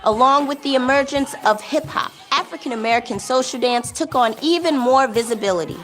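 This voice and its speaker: A woman narrating a documentary with a measured, rhythmic delivery. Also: high-pitched, a bit bright, soft background music.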